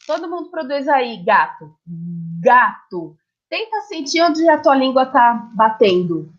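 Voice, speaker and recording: A woman's voice: on the high side, lo-fi sound. A woman, a speech therapist explaining how the voice works and demonstrating sounds as she goes. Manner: demonstrates sounds, checks understanding with listeners. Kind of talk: explanatory lesson.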